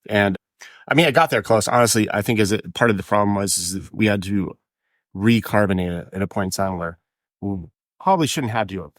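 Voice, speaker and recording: Lowish guy brewer on a podcast, casual, hedges a lot, real dry recording. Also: brisk, dry recording. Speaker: brewer describing beer.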